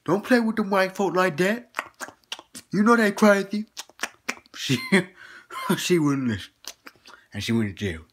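Skit casting: a boastful old grandpa played by a man, folksy slangy drawl, chuckling, middle pitch. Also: big pitch swings, slow, pauses often, slight background noise. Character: boastful old grandpa telling tall tales. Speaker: comedy skit performer. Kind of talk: comedic character monologue.

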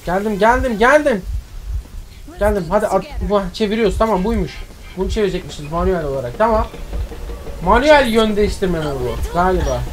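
A man giving live gameplay commentary as a streamer, excitable, swearing and yelling at the action on screen. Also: high-pitched, a little fast, faint music behind. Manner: excitable, swears and yells at the game. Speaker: gaming streamer.

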